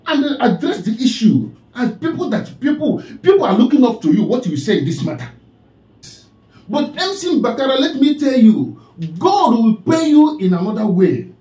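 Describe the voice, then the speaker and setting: A man's voice: sits high, warm tone, roomy sound, rough recording. A man with a Nigerian accent delivering a preachy, scolding commentary, repeatedly calling out the person he addresses. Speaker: online commentator.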